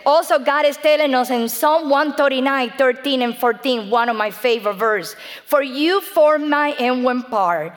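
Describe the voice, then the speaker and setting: A middle-aged woman with a Cuban Spanish accent gives an earnest church testimony in a voice pitched a bit high. She reads scripture aloud and calls out to the congregation, and her voice rings with a long reverb from a large hall. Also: moderate pace. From Cuba. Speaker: speaker giving her testimony.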